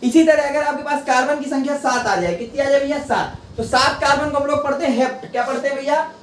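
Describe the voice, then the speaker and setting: A man's voice: very high-pitched, fast, slight background noise. A male chemistry teacher giving a classroom lecture, asking rhetorical questions and answering them himself, repeating key terms. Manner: rhetorical call-and-response questions. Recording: echoey room, voice from a distance.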